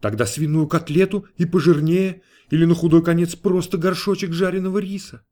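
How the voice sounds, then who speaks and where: Whining, greedy American diner for an audiobook, voiced by a man, higher and louder than the narrator. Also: brisk, close to an everyday voice. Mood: pleading. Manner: pleading, tearful, whiny. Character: gluttonous whining American customer, middle-aged man.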